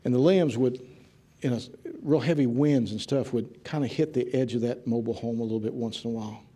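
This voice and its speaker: A man preaching a sermon, swinging from loud, fervent preaching to hushed, near-whispered passages. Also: mid-range voice, a little fast. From rural area. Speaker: pastor.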